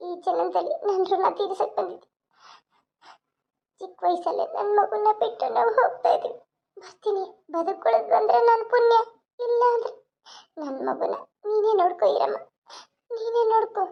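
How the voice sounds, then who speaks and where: A woman's voice: very high-pitched, moderate pace, vocal fry, long pauses. A woman voicing a young mother and police officer, tearful and tender as she says goodbye. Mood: anguished. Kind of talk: cartoon voice acting. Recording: dull lo-fi sound.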